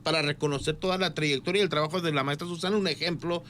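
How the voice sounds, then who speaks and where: A man's voice: a little high, fairly even intonation, fast talker, a bit bright, slight background noise. Chatty Mexican man co-hosting radio. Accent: Mexican Spanish. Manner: chatty, joking, many restarts. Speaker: radio show co-host. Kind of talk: casual radio chat. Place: radio studio.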